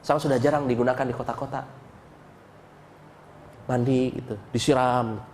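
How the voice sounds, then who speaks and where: A man giving an animated Islamic sermon, mixing chanted dhikr with colloquial jokes and stories. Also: mid-range voice, moderate pace, long reverb tail, slight background noise. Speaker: preacher. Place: mosque hall.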